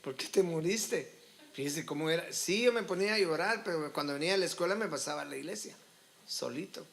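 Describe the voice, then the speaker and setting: A man's voice: on the high side, quick pace, creaky, a bit bright. A male pastor preaching a sermon, telling his story and calling listeners brother. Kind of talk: sermon testimony.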